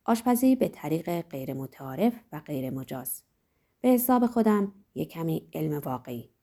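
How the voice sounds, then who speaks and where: Low ironic older guy lecturing calmly, as a woman reads him, husky and mellow, pitch swings a lot. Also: heavily acted. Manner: measured, dry ironic lecturing. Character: stern older male world controller, ironic.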